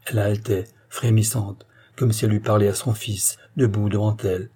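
A man narrating an audiobook at a measured pace, with a husky voice. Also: lowish voice, little pitch movement, mellow.

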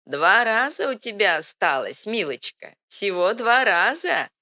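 A creaky, shrieking ancient witch-queen. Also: mid-range voice, big pitch swings, measured pace, pushed and bright, pitched above the performer's own voice. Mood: babbling. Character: senile ancient female queen-witch, shrill and cackling. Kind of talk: audiobook reading.

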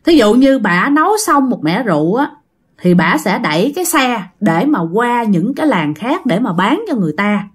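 A woman's voice: fairly high pitch, sing-song, moderate pace, breathy edge. A woman telling a ghost story in a chatty way, often addressing her listeners.

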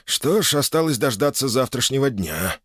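A man's voice: mid-range voice, very animated, normal speed, a bit bright, dry recording, clean studio sound, voice pushed up. A man voicing a stern, commanding older boyar who heads his clan. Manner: commanding, menacing.

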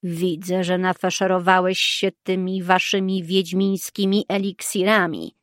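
Woman doing a gruff threatening male assassin, slow and harsh, dry sound. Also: lowish voice, little pitch movement, dry recording, close to an everyday voice. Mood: hostile.

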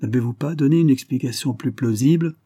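A man's voice: medium pitch, a little fast, warm tone, husky, no echo, studio quality, voice pushed up, lightly acted. A man reading a harsh, scornful squire. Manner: harsh, curt, mocking. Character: stern older male squire, harsh and scornful. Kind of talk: audiobook reading.

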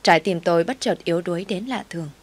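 A woman's voice: lowish voice, fast, breathy edge. A woman narrating a first-person audio story in a sorrowful, reflective way.

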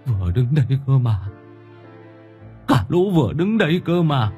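Man voicing a shell-shocked old veteran shouting. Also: big pitch swings, unhurried, highs cut off, faint music behind. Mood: anguished calling. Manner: shouting, high and strained.

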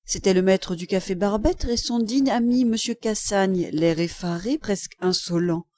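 A woman narrates a classic novel in a warm, mellow voice, measured and expressive in her storytelling. Her reading is recorded close and dry, with no room sound around it. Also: medium pitch, no echo. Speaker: audiobook reader. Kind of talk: scripted literary narration.

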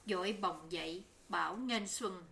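A woman narrating a novel as an audiobook reader, in a measured, even storytelling manner. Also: fairly low pitch, creaky.

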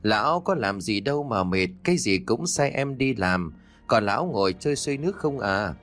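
Male narrator doing a greedy, taunting little girl; storybook audio, lively delivery. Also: fairly low pitch, normal speed, soft background music. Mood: sulky. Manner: bratty, sulky, taunting.

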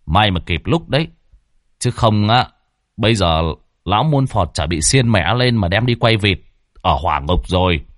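A man voicing a blunt young ghost-hunter who talks gruffly and grumbles. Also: fairly low pitch, expressive, normal speed, no echo, studio quality, lightly acted.

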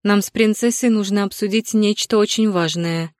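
A woman voicing a haughty, scheming aging stepmother who sneers and turns shrill. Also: moderate pace, a little mellow, no room sound, clean studio sound, natural voice. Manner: sneering, shrill when upset. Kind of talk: audiobook character voicing.

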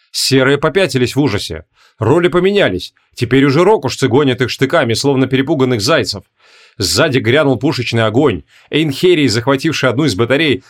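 Steady male audiobook narrator. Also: medium pitch.

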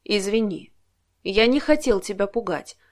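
Weary young man, read by a woman, soft, slow, apologetic, audiobook. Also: mid-range voice, lively intonation, natural voice. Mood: soothing apologetic.

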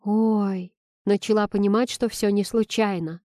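A woman narrating a first-person novel in a warm, mellow voice. The recording is dry and close, with no room around her. She reads expressively, bringing out the heroine's feelings. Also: medium pitch, moderate pace, no room sound. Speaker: audiobook narrator.

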